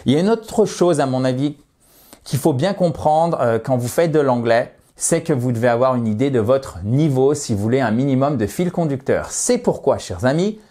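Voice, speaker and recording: A man giving a video English lesson in French as the teacher, repeating English phrases slowly and clearly and checking in with the viewer. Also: medium pitch, animated, mellow. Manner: explains in French, then models English phrases slowly and emphatically; checks in often with short questions to the viewer.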